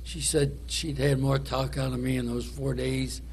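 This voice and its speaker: Creaky old man rambling through a story. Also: mid-range voice, level tone, normal speed, noisy background. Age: 80s. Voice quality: creaky, husky elderly voice. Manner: plain-spoken, folksy, meandering step-by-step telling. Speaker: survivor telling his story at a news conference.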